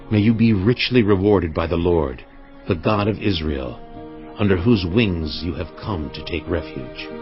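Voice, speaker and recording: A man playing a kindly, dignified landowner in a dramatised audio Bible, fatherly and measured. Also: sits low. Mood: solemn blessing. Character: Boaz, kindly, dignified wealthy male landowner. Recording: dull, band-limited, music underneath.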